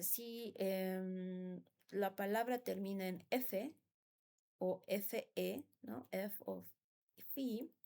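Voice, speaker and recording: A gravelly, darkish mid-range voice belongs to a woman whose native language is Spanish, patiently giving a classroom explanation of English grammar. She tends to repeat words and asks "¿no?" to get agreement.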